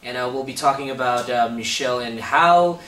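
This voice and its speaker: A male talk show host with a Filipino accent runs a casual interview, chatty and hesitant, with plenty of uhs and some Tagalog. His voice is medium-pitched, brisk, and fairly bright. The mic is at a distance, giving roomy echo and faint background hiss.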